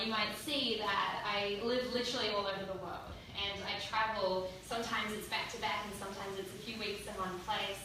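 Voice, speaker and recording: A woman's voice: mid-range voice, bright, forceful tone. Echoey, distant New Zealand woman giving motivational keynote. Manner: storytelling with rhetorical questions to the audience. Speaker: keynote speaker. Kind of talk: motivational keynote talk to a live audience. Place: indoor event room with an audience. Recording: distant mic, echoey room, noisy.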